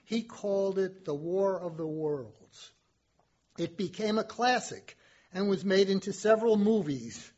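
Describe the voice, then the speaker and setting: A high-voiced, formal Martian ambassador delivers his address unhurriedly, every word measured and aloof, as a man plays him. The recording sounds dull and lo-fi. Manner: slow, measured, formal speech. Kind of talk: audio drama monologue.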